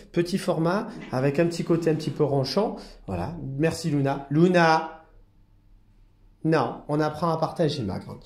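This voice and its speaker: A middle-aged French man who runs a cat hotel, talking softly to the cats in coaxing baby talk and calmly explaining to viewers. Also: fairly high pitch. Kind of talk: casual vlog narration talking to cats.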